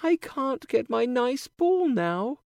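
A storyteller voicing a spoiled young princess in a high, whiny, pleading voice. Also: sing-song, slow, vocal fry, darkish tone, no echo, studio quality, heavily acted. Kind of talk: storybook reading.

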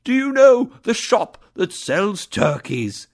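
A man voicing an old male miser who cries out in an excitable, exclamatory way. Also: on the high side, a little slow, creaky, exaggerated voice. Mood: giddy.

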